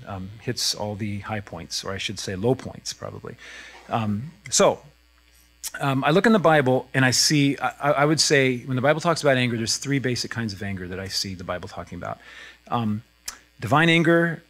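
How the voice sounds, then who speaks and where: A male pastor delivers a sermon in a relaxed, talky way, often chuckling and restarting his sentences. His voice sits at an ordinary middle pitch for a man. He sounds like he is talking with his congregation rather than at it. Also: brisk. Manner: conversational, chuckling, frequent fillers and restarts. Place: church sanctuary.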